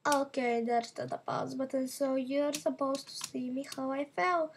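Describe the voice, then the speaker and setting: A woman's voice: sits high, steady tone, normal speed, slight background noise. A woman giving casual, rambling commentary to her viewers while she plays a game. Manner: chatty and rambling, talking to viewers while playing. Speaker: gaming channel host.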